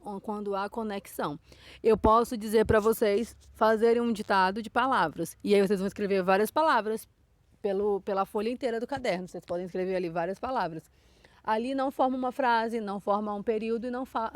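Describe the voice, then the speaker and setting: A woman's voice: mid-range voice, dry recording. Brazilian woman teacher, dry close sound. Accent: Brazilian Portuguese. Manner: explanatory, frequent "tá?" check-ins. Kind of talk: online grammar lesson.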